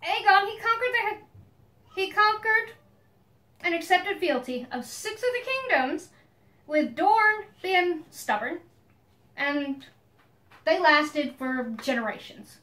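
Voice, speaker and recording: A woman with a notably high voice walks through a story's history in an easy, playful way. Her tone is bright and clear, and she laughs often as she goes. She sounds like a relaxed co-host in casual conversation. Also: slow, long pauses. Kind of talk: casual chat.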